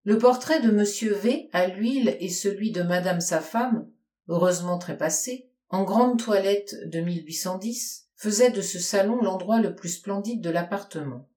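A woman narrating a classic novel aloud in a measured storytelling manner. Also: medium pitch, dark tone. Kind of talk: audiobook narration. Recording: roomy echo.

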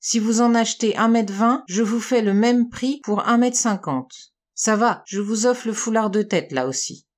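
A smooth-talking male cloth seller, read by a woman keeps up a persuasive sales patter. He is eager, talking up his goods to make the deal. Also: on the high side, normal speed, few pauses, lightly acted.

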